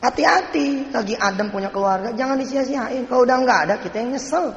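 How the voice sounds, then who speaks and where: Man, storytelling sermon, colloquial and animated, high pitch, roomy echo. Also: fast, vocal fry, highs cut off. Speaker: preacher. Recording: echoey live hall recording.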